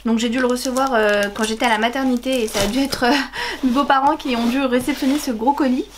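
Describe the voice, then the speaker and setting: A woman's voice: high-pitched, steady tone, fast talker, background noise. A young woman chatting casually as a book YouTuber, unboxing with rambling, hesitant talk and gushing exclamations.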